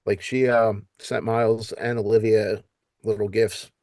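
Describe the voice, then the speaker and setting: A man's voice: lowish voice, little pitch movement, a little slow, darkish tone. A middle-aged man chatting casually about coaching his son, rambling and laughing often. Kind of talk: casual conversation.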